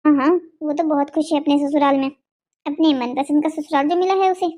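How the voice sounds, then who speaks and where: Cartoon mother-in-law, older woman and mild-mannered, voiced by a woman with a high, mellow tone. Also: fairly even intonation, brisk, close to an everyday voice. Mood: content.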